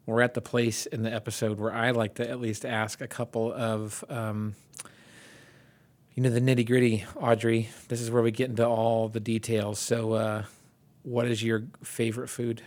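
A man's voice: medium pitch, little pitch movement, normal speed, darkish tone. A man hosting a faith podcast, interviewing a guest in an encouraging, affirming way. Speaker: podcast host.

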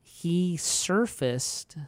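A middle-aged man co-hosting a podcast, chatting casually and telling animated stories with frequent restarts. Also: high-pitched, very slow, no echo, studio quality. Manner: animated storyteller who acts out quoted voices; frequent restarts and filler words. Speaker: podcast co-host.

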